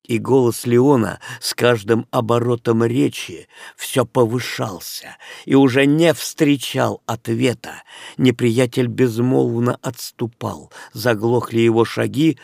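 A man reading an audiobook in a slow, measured way. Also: mid-range voice, gravelly, a little mellow, no echo, studio quality. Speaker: narrator. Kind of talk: audiobook narration.

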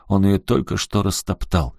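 A man narrating an audiobook in a measured storytelling manner. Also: low-pitched, creaky, darkish tone, no echo, clean studio sound. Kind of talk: scripted narration.

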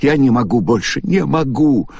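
A man's voice: on the high side, lively intonation, normal speed, dry recording, clean studio sound, voice pushed up. A male reader voicing an overwrought, suspicious young woman who screams shrilly in an audiobook. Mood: broken.

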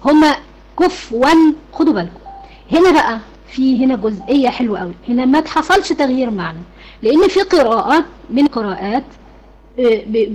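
A woman's voice: high voice, a little mellow, rough recording. A woman with an Egyptian Arabic accent teaching an online Quran recitation class, asking her students questions and then answering them herself.

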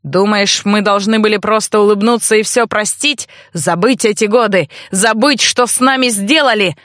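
A woman's voice: medium pitch, normal speed, fairly bright tone, no echo, studio quality, close to an everyday voice. A woman voicing a bitter, angry young man who was once a monster, snarling and resentful, in an audiobook. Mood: furious.

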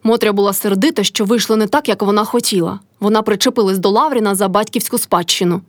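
A woman narrating an audiobook of a classic novel with expressive storytelling. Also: medium pitch, quick pace, no echo, studio quality.

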